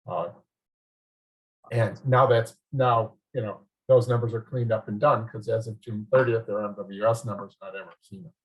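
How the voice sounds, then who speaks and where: A man's voice: fairly low pitch, fairly even intonation, moderate pace. Man with garbled, muffled call audio. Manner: hesitant, with frequent "uh" and restarts. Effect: garbled, muffled video-call audio. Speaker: finance committee member. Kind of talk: remote business meeting discussion. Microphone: video call.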